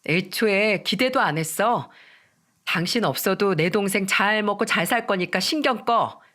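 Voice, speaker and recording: A woman's voice: medium pitch, unhurried, fairly bright tone, close to an everyday voice. Woman doing a curt, selfish husband. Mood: dismissive. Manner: curt and dismissive. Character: selfish, defensive middle-aged husband.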